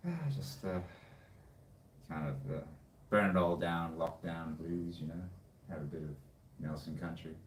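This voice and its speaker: A deep-voiced man talks in a loose, laid-back ramble. He sounds distant from the mic in a reverberant room, with faint noise behind him. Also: a little slow, pauses often. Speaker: co-host and hobby music producer. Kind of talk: casual chat.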